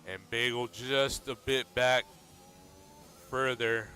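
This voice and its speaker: A man commentating a sim racing league race in a relaxed, steady play-by-play manner. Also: medium pitch, slow, a little hiss or hum. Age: adult.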